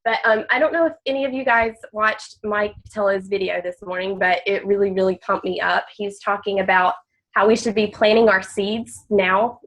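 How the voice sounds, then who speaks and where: On a group call, a team member with a mid-range, fairly bright voice chats openly about her story and shares tips. Blocked sinuses make her sound nasal and congested, she tends to repeat words, and the recording quality is low.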